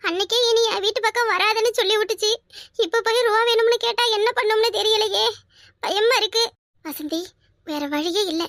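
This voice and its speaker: A shrill, bright cartoon wife, voiced by a woman, fretting in a rapid, wailing monologue about money she owes. The voice sits very high and races along, and it sounds dry and close. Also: dry recording. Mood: panicky. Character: debt-ridden young wife, panicky and scheming. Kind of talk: cartoon voice acting.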